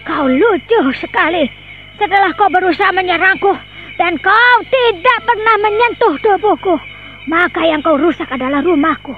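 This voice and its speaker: A woman's voice: very high-pitched, expressive, normal speed. An actress playing a feisty old village grandmother in a radio drama, coaxing and then sharply indignant. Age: older. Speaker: grandmother figure. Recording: dull lo-fi radio audio with faint music.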